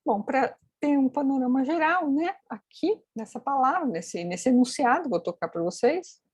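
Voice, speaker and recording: A woman's voice: high voice, expressive, moderate pace, a little mellow, husky, no room sound. A woman teaching phonetics in a screen-recorded tutorial, explaining step by step and checking in with tag questions. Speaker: phonetics instructor.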